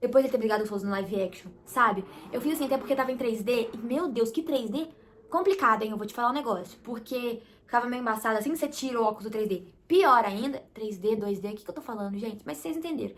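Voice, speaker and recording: A woman's voice: fairly high pitch, quick pace. A woman with a Brazilian Portuguese accent chatting casually and expressively as she reviews a film for her viewers.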